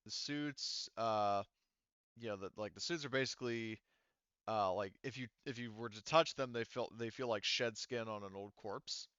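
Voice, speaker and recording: A man with a low, clean voice improvises as game master for a tabletop roleplaying game, describing scenes in a halting way while searching for words. His tone is fairly bright and smooth. The recording is close and dry, slightly dull, with no room sound.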